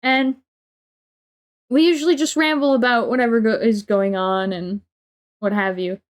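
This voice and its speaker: A woman's voice: a little high, fairly even intonation, moderate pace. A young adult woman livestreamer telling a casual, exasperated story with lots of swearing and filler words.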